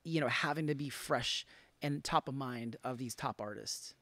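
A man's voice: mid-range voice, moderate pace, a bit bright, no echo. A man in his thirties hosting a studio podcast, asking thoughtful questions in casual chat. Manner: affirming, asks thoughtful questions. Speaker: podcast host. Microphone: studio mic with headphones.

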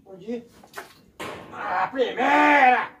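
A man, narrating a fishing vlog from a windy platform on the water and excitedly calling out to his viewers. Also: extremely high pitch, very slow. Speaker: fishing vlogger. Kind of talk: casual outdoor fishing vlog.

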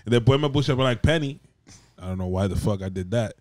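Man, podcast host, animated pitch, joking, Spanish and English, casual chat. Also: moderate pace, no room sound, studio quality.

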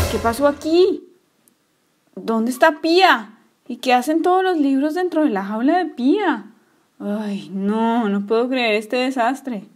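A woman's voice: a little high, darkish tone. A woman voicing Hanna, a fretful young girl searching for her lost rabbit in a toy story play. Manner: fretful, sighing "ay, no".

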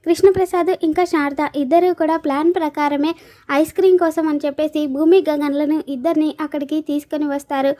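A woman's voice: sits high, steady tone, brisk, dark tone. A woman narrating a television serial recap in a scripted storytelling style.

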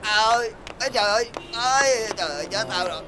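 A woman's voice: on the high side, expressive, close to an everyday voice. An actress playing a blunt young woman who scolds a drunk friend. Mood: exasperated. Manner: fast, exasperated scolding.

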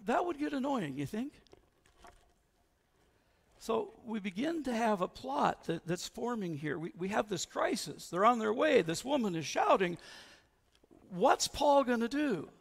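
A man's voice: extremely high pitch, big pitch swings, measured pace, creaky, pauses often, slightly rough. A man preaching a sermon as pastor in a church, talking conversationally and putting questions to the congregation. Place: church sanctuary. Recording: long church reverb.

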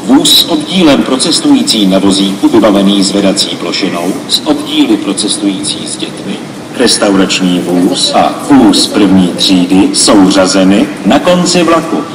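A man makes a formal, scripted station announcement at a measured, official register. His fairly low voice arrives from a distance with clear echo. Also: lively intonation. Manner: formal, measured reading of train information. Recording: noisy echoing station loudspeaker from far off.

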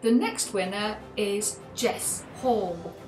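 A woman's voice: medium pitch, darkish tone. Woman reading award citations in a roomy attic. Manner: measured, reads from a script. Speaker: awards presenter. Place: attic room at home. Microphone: video call. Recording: roomy video call audio with music.

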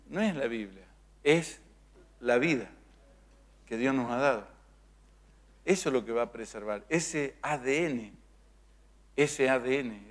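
A middle-aged male pastor with a Rioplatense accent, preaching a sermon in a jokey storytelling way and acting out little scenes. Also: mid-range voice. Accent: Rioplatense Spanish.

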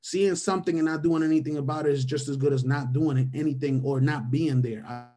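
A Venezuelan man in his thirties, a native Spanish speaker, leads a motivational mentoring webinar on a video call through a webcam or headset. His voice is fairly high and dark-toned, with fairly even intonation and a slightly quick pace. He repeats key phrases and closes almost every point with a questioning "right?" to check in with listeners.

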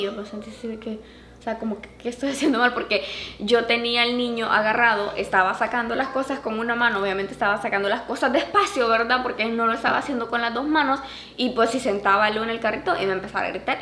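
A woman vlogger and mother telling a story casually to her viewers, animated, with a higher pitch whenever she acts out what others said. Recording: echoey room with faint background noise.

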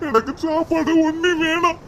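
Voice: extremely high pitch, moderate pace, heavy background noise. A voice actor playing a heartbroken, stubborn young man in a cartoon, crying and pleading, with a Tirunelveli Tamil accent. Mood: stubborn, tearful. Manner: sobbing, pleading. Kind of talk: amateur cartoon voice acting.

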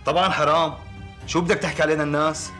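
Brief: a tense, fast-talking Syrian man, scolding. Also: on the high side, little pitch movement, bright, forceful tone, soft background music. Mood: angry. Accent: Syrian Arabic. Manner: scolding, indignant. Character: angry, controlling brother-in-law.

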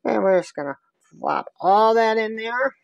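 Stirring as she goes, this woman chats through a recipe one step at a time in her home kitchen, a relaxed cooking demo filmed on a counter camera. She sounds fairly high-pitched, animated and gravelly, speaking without hurry. The recording is muffled but has no room sound.

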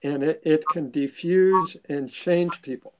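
A man's voice: on the high side, measured pace, a little hiss or hum, low-quality recording. An older man talking as a guest on an interview show, earnest and stumbling over his sentence starts. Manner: earnest, repeats words when starting sentences. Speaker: guest, musician. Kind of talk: casual interview chat.

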